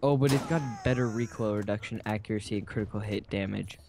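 A man's voice: on the low side, fast, gravelly, noisy background. A young man chatting casually as he co-hosts a video game playthrough. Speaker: gamer co-host of a let's play. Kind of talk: casual gaming chat.

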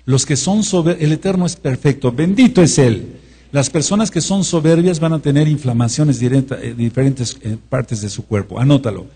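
Mexican man preaching, warm husky voice. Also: medium pitch, moderate pace. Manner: didactic, repeats key words, asks the audience questions. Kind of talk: sermon teaching.

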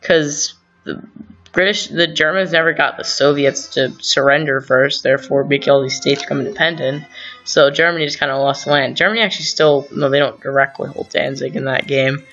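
Thinking aloud over a strategy game, the host of a gaming channel rambles into asides and corrects himself along the way. He speaks fairly quickly with a medium-pitched, sharp-toned voice and fairly even intonation, in a dull lo-fi recording with faint music.

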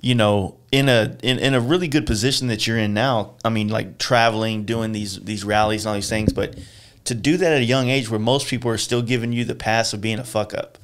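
A man's voice: on the low side, steady tone, fairly quick. Laid-back swearing podcast host, man. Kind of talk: casual interview chat.

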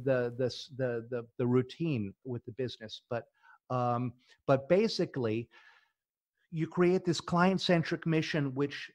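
A middle-aged man with a medium-pitched voice and no echo speaks as a podcast guest. He's a business founder, talking eagerly in a casual interview and often restarting his words.

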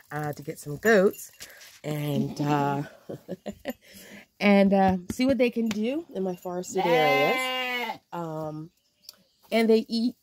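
A woman in her thirties filming herself on a phone at an outdoor farm pen, talking in a relaxed, unhurried way with many ums and restarts while goats and sheep bleat around her. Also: lowish voice. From Panama. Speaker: farm vlogger. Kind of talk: casual vlog walkthrough. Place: outdoor farm, open-sided animal pen. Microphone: phone held at arm's length. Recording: loud bleating animals and outdoor noise. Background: goats and sheep bleating loudly.

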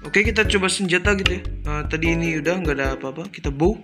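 A young man from Indonesia giving casual, excitable gameplay commentary for his channel, chatty and quick to exclaim. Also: fairly high pitch. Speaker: gaming YouTuber. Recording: game music loud behind voice. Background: game music and sound effects.

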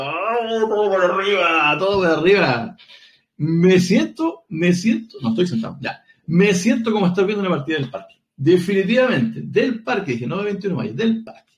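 Joking man analyzing chess live. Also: a little high. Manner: chatty, joking, thinks aloud with short laughs. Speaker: chess commentator and live stream host.

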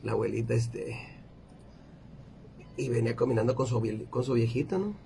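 A man's voice: mid-range voice, fairly quick, vocal fry, dark tone, slight background noise. A man telling jokes on a casual show, slangy and laughing at his own punchlines.

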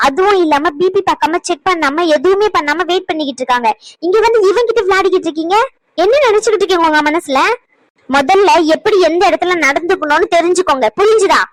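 A woman's voice: extremely high pitch, no room sound, poor audio. A woman voicing a stern young mother in a cartoon, scolding with repeated demanding questions. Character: stern young mother who also plays a timid nurse. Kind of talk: cartoon voice acting.

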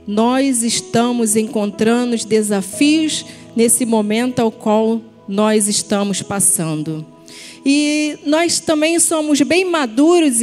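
Woman, 30s, church sermon on a handheld mic, slightly high voice, unhurried and earnest delivery. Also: darkish tone. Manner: earnest, slow and deliberate, addressing viewers as brothers. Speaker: ministry team member preaching. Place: church stage at a pulpit, indoors.

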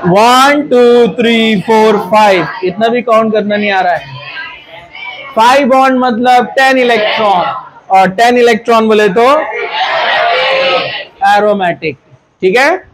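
A man's voice: high voice, takes it slowly, pauses often, crowd noise, low-quality recording. A man teaching a chemistry class in Hindi. He quizzes the students, scolds them and jokes with them. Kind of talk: classroom lecture.

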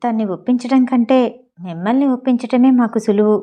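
A woman's voice: fairly high pitch, brisk, dark tone, close to an everyday voice. A woman voicing a timid nurse who talks hesitantly and fearfully to a patient.

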